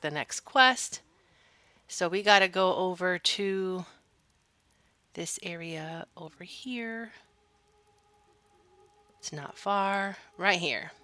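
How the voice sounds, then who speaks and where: A woman's voice: lowish voice, pushed and bright, no echo. A woman hosting a video game walkthrough with casual commentary, recorded close up indoors. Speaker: gameplay video host.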